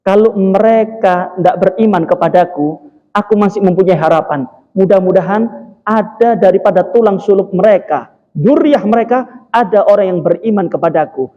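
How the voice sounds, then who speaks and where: A man voicing a prophet who is gentle and patient. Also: sits high, moderate pace, natural voice. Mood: calm. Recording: dull, echoey mosque hall.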